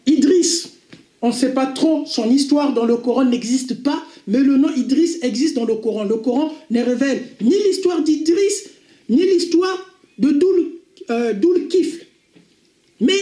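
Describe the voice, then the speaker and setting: High, slow woman with an Arabic accent. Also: warm tone, reverberant. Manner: deliberate, checks in with listeners, repeats key points. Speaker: religious video commentator. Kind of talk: slow explanatory religious lesson.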